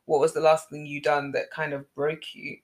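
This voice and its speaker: A woman's voice: low voice, little pitch movement, normal speed. A woman in casual chat with her sister, earnest and a little preachy, repeating phrases for emphasis. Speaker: podcast host.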